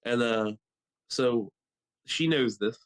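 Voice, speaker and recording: A man co-hosts a casual podcast chat in an ordinary mid-range voice. He tells stories in an animated way and fills them with "like". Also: medium pitch, takes it slowly. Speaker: podcast co-host.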